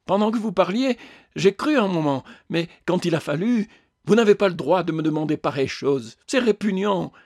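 A man voicing a desperate, shrill woman ghost. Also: normal speed, dry recording, studio quality. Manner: pleading, agitated. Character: anxious ashamed woman ghost, tearful, self-pitying. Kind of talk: audiobook character voice.

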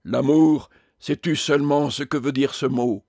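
A man's voice: mid-range voice, fairly even intonation, measured pace, a little mellow, no room sound, studio quality. A man voicing a self-pitying male ghost who speaks like a stage tragedian, declaiming every word. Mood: indignant. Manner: declamatory, melodramatic.

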